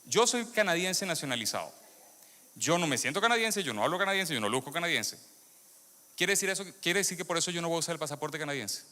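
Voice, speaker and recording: A man's voice: a little high, big pitch swings, quick pace, pushed and bright. A man born in Venezuela giving a sermon testimony to a congregation, questioning the audience and repeating phrases for emphasis. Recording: long hall reverb.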